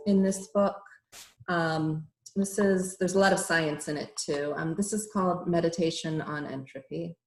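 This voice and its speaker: Slow, low-voiced woman reading poems. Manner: measured, hesitant introductions with many fillers. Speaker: poet. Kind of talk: poetry reading with short introductions. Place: home room on a virtual reading call. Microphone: computer mic on a video call. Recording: roomy echo.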